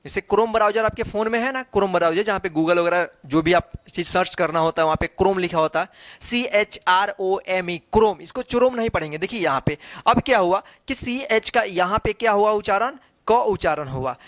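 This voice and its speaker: A woman's voice: medium pitch, a little fast, dry recording. A woman teaching a phonics lesson, spelling out letters one by one and then reading the word. She repeats each word and asks rhetorical questions as she goes. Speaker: English teacher.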